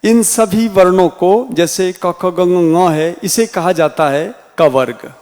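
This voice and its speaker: A man teaching a Hindi class in a slow, deliberate way with a Rajasthani accent, sounding out each letter one by one. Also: high-pitched, darkish tone. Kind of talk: classroom lecture. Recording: reverberant room sound.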